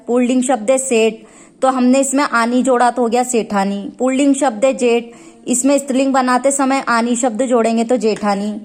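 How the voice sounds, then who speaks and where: A woman teacher with an Indian accent slowly explaining a grammar lesson from a textbook, stretching out the example words. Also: fairly high pitch. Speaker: school teacher.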